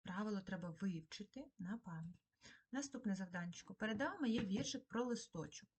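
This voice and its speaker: Husky-voiced woman teaching children. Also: mid-range voice, animated, darkish tone. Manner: slow, patient dictation to children. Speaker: primary school teacher. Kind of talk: recorded remote lesson. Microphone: screen-recorded lesson.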